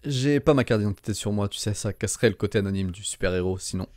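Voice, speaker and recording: A man's voice: lowish voice, quick pace, darkish tone, dry recording, lightly acted. A man playing a friendly, flustered, talkative young male superhero in amateur film dubbing. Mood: bewildered, earnest.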